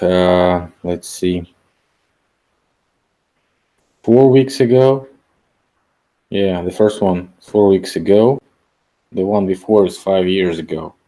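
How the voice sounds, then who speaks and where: Deep-voiced man hosting a stream. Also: warm tone. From Russia. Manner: halting, with slightly broken English. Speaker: host. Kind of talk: live stream chat.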